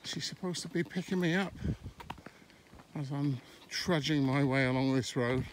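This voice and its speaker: Strolling country lanes and fields, this middle-aged English vlogger gives relaxed commentary into his phone camera, breaking off partway through sentences. He has a mid-range voice, and there's a faint hum of outdoor sound in the background.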